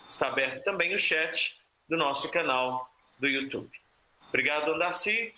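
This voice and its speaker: A man with a Brazilian Portuguese accent moderating a seminar, making measured, courteous announcements over an online call. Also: a little high, sharp tone. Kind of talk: formal event moderation. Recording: echoey room.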